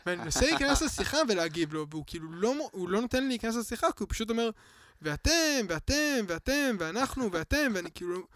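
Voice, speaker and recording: Guest storyteller, male, higher-pitched voice, rambling and casual, acts out quotes, dry close sound. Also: animated, few pauses, no room sound. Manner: rambling, full of filler words, acts out shouted quotes. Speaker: guest telling personal stories.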